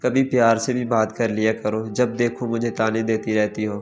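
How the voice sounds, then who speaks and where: A man voicing a weary, gentle husband. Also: lowish voice, level tone, normal speed, dull audio, lightly acted. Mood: pleading.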